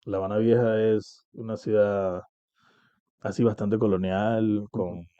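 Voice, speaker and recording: Man, interview guest, low and dark, reflective, dry lo-fi recording. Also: little pitch movement, unhurried, smooth, no room sound. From Cuba. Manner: reflective, uses many fillers and "¿entiendes?". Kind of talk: casual interview talk.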